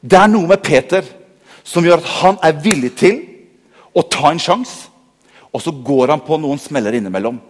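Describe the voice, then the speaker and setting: A man preaching a sermon, reading scripture with humor and swinging between loud emphasis and quiet asides, in a church. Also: on the high side, big-room sound. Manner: lively, joking, swings between loud and soft. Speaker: pastor.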